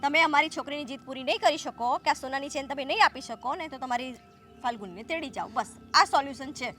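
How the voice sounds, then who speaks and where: Actress as a domineering sister-in-law, very high voice, bright tone, sharp scolding delivery, faint music behind. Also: female voice, fast. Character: domineering, haughty sister-in-law of adult age. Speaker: actor in a family drama. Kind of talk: scripted family drama dialogue.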